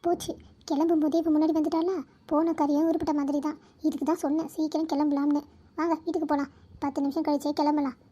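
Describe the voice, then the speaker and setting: A woman voicing a fussy, hurried wife who scolds impatiently. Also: high-pitched, level tone, dark tone, close to an everyday voice. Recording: dull lo-fi recording.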